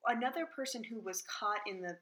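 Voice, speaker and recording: A woman co-hosting a podcast, relaxed as she recounts the details of a case in casual chat. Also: fairly high pitch, brisk, a little hiss or hum. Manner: relaxed storyteller, reads out search results. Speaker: podcast co-host.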